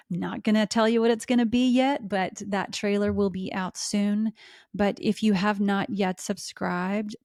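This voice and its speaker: A middle-aged woman hosting a podcast, talking smoothly and melodically as she coaches listeners through exercises. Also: mid-range voice, darkish tone, no room sound, studio quality. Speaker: podcast host. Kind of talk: instructional podcast talk.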